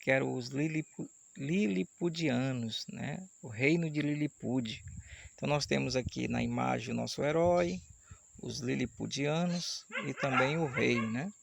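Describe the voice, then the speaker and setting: A man teaching an online Portuguese grammar lesson, explaining step by step and slowing down to sound out syllables. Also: mid-range voice, gravelly, slight background noise. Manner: explanatory, slows down to spell out syllables. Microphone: camera mic, camera switched off.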